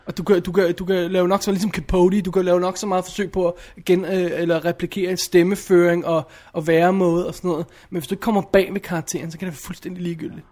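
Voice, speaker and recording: A man's voice: high voice, little pitch movement, few pauses, a little mellow. A man reviewing a film in casual chat, blunt and opinionated, often restarting his sentences.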